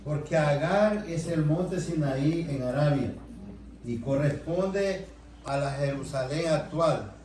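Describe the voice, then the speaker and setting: A man from the congregation slowly and carefully reading a Bible passage aloud in church. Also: fairly high pitch, a little mellow, a little hiss or hum. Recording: very echoey church, distant mic.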